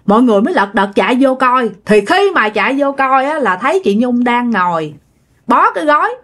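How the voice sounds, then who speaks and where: A woman's voice: fairly high pitch, expressive, brisk. A woman telling a ghost story in a chatty way, talking straight to her listeners. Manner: chatty, addresses listeners directly.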